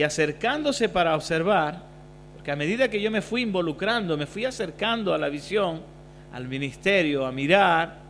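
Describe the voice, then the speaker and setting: A male pastor preaching a sermon, moving between quiet passages and loud, emphatic bursts. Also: sits high. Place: church hall. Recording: reverberant church hall, faint hum.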